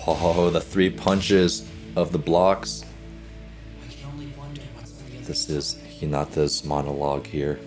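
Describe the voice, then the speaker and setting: A man's voice: rumbling low, flat delivery, slow pace, long pauses, over music. A man who coaches volleyball hosts a reaction video, chatting in an upbeat way and breaking down what he sees on screen. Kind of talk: casual reaction commentary.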